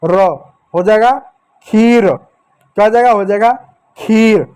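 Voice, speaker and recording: A man with a high-pitched voice leads a children's reading lesson. He sounds out letters one by one, stretching the syllables, and gently coaxes his young listeners to say the words back to him. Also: slow, smooth. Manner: coaxing, addresses dear children, asks them to repeat. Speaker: teacher.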